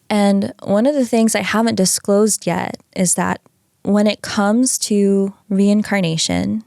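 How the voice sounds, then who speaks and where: A woman's voice: medium pitch, vocal fry, a little mellow, no room sound, clean studio sound. A woman co-hosting a podcast in a laid-back, casual way, swearing and laughing often. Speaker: podcast co-host. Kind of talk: casual chat.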